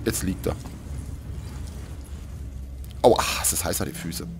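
A man commentating his horror game playthrough, joking and excitable, dropping to whispers when things get tense. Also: low-pitched, takes it slowly, vocal fry, a little hiss or hum. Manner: excitable, jokey, drops to whispers in tense moments. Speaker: let's play commentator. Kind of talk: gaming commentary. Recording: gameplay music playing behind.

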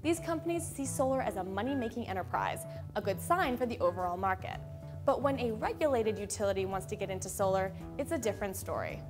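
A young woman hosting a scripted explainer in a studio, speaking clearly and upbeat into a lapel mic. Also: mid-range voice, lively intonation, fast talker, over music. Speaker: host. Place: studio with a plain gray backdrop.

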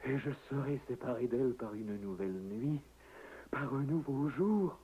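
An actor playing a grieving husband in a 1960s radio drama, swinging from hushed pleading to anguished cries. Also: male voice, a little high, breathy edge. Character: grieving husband Admette, desperate and self-reproaching. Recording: muffled old radio recording, faint hiss.

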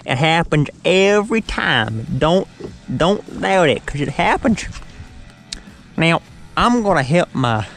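A man's voice: on the high side, big pitch swings, takes it slowly, vocal fry, fairly bright tone, faint music behind. A man with a Southern accent hosting a fishing show, chatting in a folksy, joking way from a boat on a lake. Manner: folksy, joking, calls his buddy "son". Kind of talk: casual chat while fishing.

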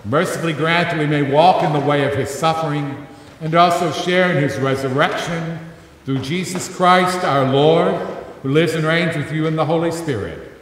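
A male priest recites prayers in a formal, measured church manner. His slightly high voice rings with a long cathedral echo and sounds far from the microphone. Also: fairly bright tone. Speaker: priest leading worship. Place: large stone-arched church, indoors. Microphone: picked up from afar. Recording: very echoey church, distant mic, background noise.

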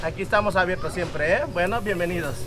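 Now speaking quickly in a high register, the same sort of cook, a thirtysomething man with a Guerrero coast Mexican accent, demonstrates dishes in a beach restaurant's open-air space and kitchen, tacking "eh?" and rhetorical questions onto his repetitive phrases. His voice comes through a camera mic a few steps off, sounding roomy and distant, with music playing beneath.

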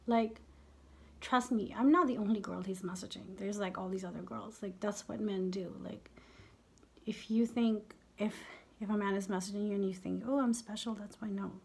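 A woman's voice: medium pitch, fairly even intonation, normal speed, creaky. Candid, foul-mouthed woman vlogger in her fifties. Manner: candid and profane, often dropping to half-whispered asides. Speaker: beauty vlogger. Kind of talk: casual makeup chat.

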